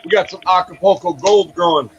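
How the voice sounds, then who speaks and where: A man's voice: high-pitched, fairly quick, dull audio, a little hiss or hum. A man from the Midwest with an accent that sounds East Coast, chatting casually as a guest on a stream, easygoing and given to repeating himself. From Midwest US, Minnesota. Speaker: guest caller. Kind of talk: casual chat on a live stream.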